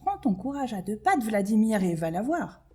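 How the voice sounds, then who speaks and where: A woman voicing a friendly, chatty male earthworm in a children's storybook reading, bright and lively. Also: medium pitch, normal speed, slight background noise, lightly acted.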